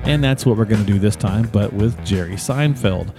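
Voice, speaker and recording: A man's voice: fairly low pitch, normal speed, dark tone, soft background music. A man co-hosting a podcast, chatty and easygoing, asking questions. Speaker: podcast co-host. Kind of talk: casual podcast chat.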